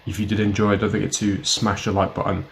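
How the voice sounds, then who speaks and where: This young man's low voice comes out fast and flat, with vocal fry, over a noisy background. He lectures the viewer directly to camera, hammering home blunt self-help advice with emphatic repetition of his main points.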